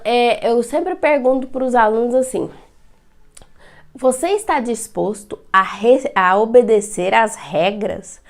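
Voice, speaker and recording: A woman's voice: a little high, fairly bright tone. A Brazilian woman with a Brazilian Portuguese accent teaching a writing class at a whiteboard. She asks the class questions and answers them herself. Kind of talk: whiteboard lesson.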